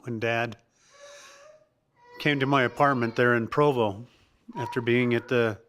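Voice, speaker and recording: Middle-aged man reminiscing haltingly. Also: mid-range voice, fairly even intonation, fairly bright tone, soft background music. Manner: halting, reminiscing, many restarts and laughs. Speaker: son giving a family tribute. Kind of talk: speech at a family birthday gathering.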